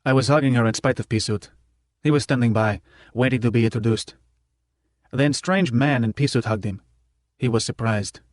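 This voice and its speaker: A man's voice: mid-range voice, moderate pace, long pauses, dry recording, studio quality. A man narrating an audiobook in a clipped first-person voice that drops its articles. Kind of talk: scripted narration.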